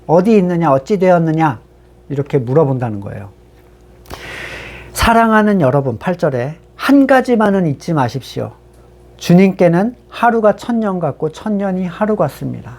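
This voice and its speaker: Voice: medium pitch, very animated, normal speed, a little mellow. A pastor giving a sermon in a conversational way, reading scripture passages aloud and then explaining them with rhetorical questions to the congregation.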